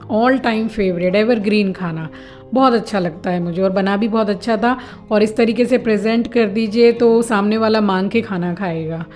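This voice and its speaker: Chatty middle-aged woman vlogging at home. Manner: chatty, scolds her pet dog in a high sharp voice. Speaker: vlogger, homemaker. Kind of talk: casual chatty home vlog narration.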